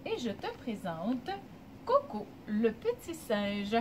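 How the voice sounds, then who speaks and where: Quebec lady teaching a kids music class, high bouncy voice, slow and singsongy. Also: a little hiss or hum, rough recording. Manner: animated, singsong, addresses the children directly. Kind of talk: storytelling lesson for young children.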